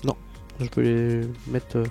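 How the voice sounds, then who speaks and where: Man, game tutorial narration, rambling, hesitant, mellow tone, faint music. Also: medium pitch, monotone, measured pace, gravelly. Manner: chatty, rambling, with many hesitations and asides. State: tired. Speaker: Minecraft tutorial youtuber.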